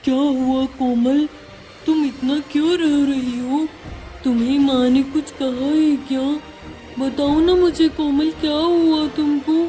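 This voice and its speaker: A woman doing a gentle consoling young husband. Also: high-pitched, steady tone, unhurried, faint music behind, low-quality recording. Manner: concerned, consoling. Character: caring young husband, soothing.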